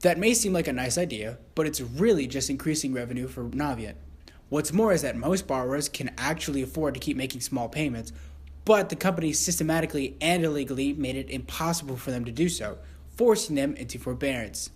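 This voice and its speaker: A man's voice: mid-range voice, a little fast, a little mellow, slightly rough. A man anchoring a satirical newscast, reading scripted copy in a mock-serious newscaster manner with crude asides.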